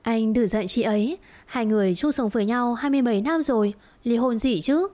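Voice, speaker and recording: This is a sneering, fawning middle-aged mistress, as a woman storyteller puts her on, spiteful and coy. The voice sits on the high side. It belongs to a spoken storybook drama. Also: a little fast, dark tone, close to an everyday voice. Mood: coaxing.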